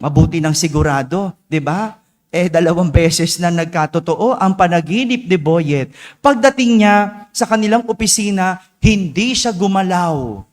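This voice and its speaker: A male priest tells a story during a homily, speaking slowly in a high voice. He often ends lines with a questioning "no?". His voice rings with a long church reverb.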